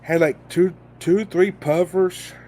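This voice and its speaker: Slow-talking man. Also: sits high, fairly even intonation, warm tone, slight background noise. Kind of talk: casual chat.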